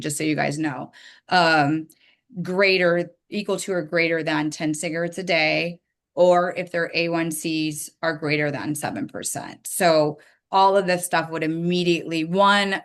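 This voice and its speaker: A woman with a slightly low voice gives a dental hygiene webinar from her slides. She talks in a relaxed, chatty way, with fillers and quick apologies when she trips up. She sounds like she is on a computer microphone on a video call. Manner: casual, chatty, apologetic asides.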